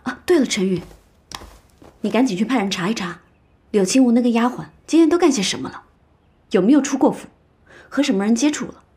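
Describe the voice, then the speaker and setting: A young actress playing a spirited, outspoken young woman who talks briskly and teases in a period TV drama. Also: on the high side, close to an everyday voice. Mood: lively. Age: young adult. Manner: brisk, lively and teasing. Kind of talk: dubbed TV drama dialogue.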